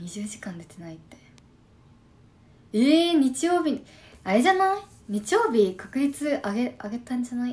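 A young woman in her twenties with a Shimane accent and a husky, slightly hoarse voice, chatting casually on a live stream. She reads viewer comments aloud and murmurs quick thank-yous between remarks. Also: a little high, darkish tone. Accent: Shimane dialect. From Shimane, Japan. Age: 20s. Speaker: idol livestreamer.

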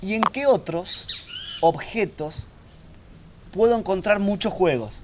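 A man's voice: sits high, lively intonation, takes it slowly, noisy background. A man co-hosting a storytelling show, talking in an easygoing, hesitant way and repeating words. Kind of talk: casual studio chat.

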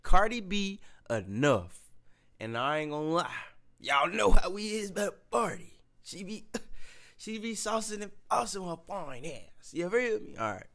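A man's voice: sits high, big pitch swings, measured pace, a bit bright. A man hosting a reaction video, talking casually with lots of slang and cursing and exclaiming as he watches.

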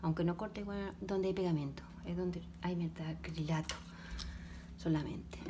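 Working away in her echoey, noisy kitchen at home, a DIY creator with a lowish voice and fairly even intonation walks through a craft project one step at a time. Her narration is halting, with many restarts and quiet side comments.

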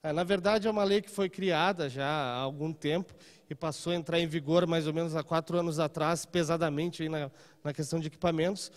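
Speaking fairly quickly in a steady, slightly high voice, this man in his thirties gives a live trade seminar in a big hall using a handheld microphone. He keeps it conversational, often checking on the audience with "tá?" and "né?".

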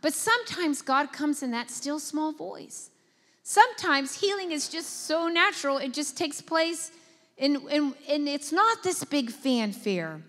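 Animated woman pastor in a reverberant hall. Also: a little slow. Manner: animated storytelling, acts out quotes with big pitch jumps. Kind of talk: Bible study sermon. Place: church hall.

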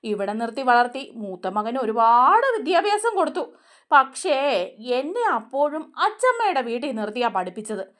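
A woman's voice: sits high, sing-song, a bit bright. Woman voicing a tearful drunk son. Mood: hurt, pleading. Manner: slow, tearful pleading. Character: grieving drunk man, hurt middle son.

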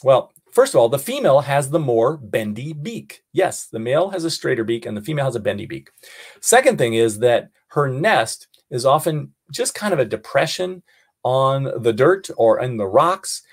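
An American man teaching a nature class in a playful, animated way, asking the class questions as he goes. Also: mid-range voice, moderate pace, husky. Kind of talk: online class lesson.

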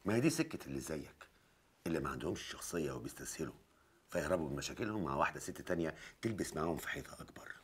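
An actor playing a boastful, grumpy older father and grandfather in a film comedy, talking loud and teasing. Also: low voice, sing-song, fast talker, slight background noise. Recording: film soundtrack with music underneath.

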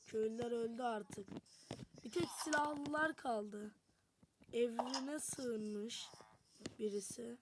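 With long pauses and a slow delivery, she gives chatty commentary straight to her viewers while playing a game. Her voice is fairly high, and the background is noisy, with music playing.

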